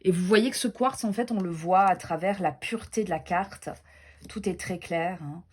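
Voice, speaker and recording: A woman's voice: lowish voice, moderate pace, a little mellow, husky. Chatty woman gushing over card decks. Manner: chatty, gushing, self-deprecating, many fillers and restarts. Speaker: tarot and oracle deck reviewer. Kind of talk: casual show-and-tell chat.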